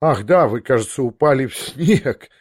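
A man's voice: mid-range voice, expressive, moderate pace, a little mellow, slightly rough. A man voicing an arrogant aristocratic prince in an audiobook, speaking with cutting contempt and mockery. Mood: mocking. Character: arrogant aristocratic prince, scornful, pacing in anger. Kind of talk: audiobook character reading.

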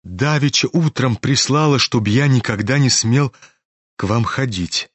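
A man reading an audiobook, voicing a meek, earnest young prince in a soft, hushed manner. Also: medium pitch, a little slow, slightly rough. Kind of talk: audiobook character voice.

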